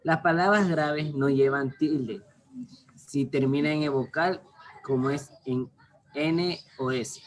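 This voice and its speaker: A man, a student, reading his part of a class presentation in a halting way with small slips. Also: fairly high pitch, rough recording.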